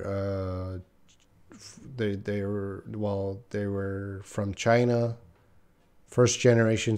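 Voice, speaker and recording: This man's lowish voice is clear and resonant. He's an English teacher in his thirties from Western Canada, speaking with a light Canadian accent as he patiently fields viewers' questions in a live lesson, pausing often and explaining slowly from a small indoor room next to a whiteboard.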